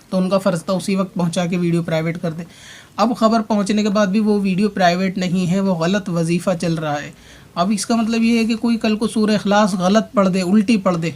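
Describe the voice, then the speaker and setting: A man's voice: high-pitched, darkish tone. A man speaking a long rebuttal monologue as a religious online commentator, addressing his opponent directly and repeating his points as he argues. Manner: explains at length with repeated points.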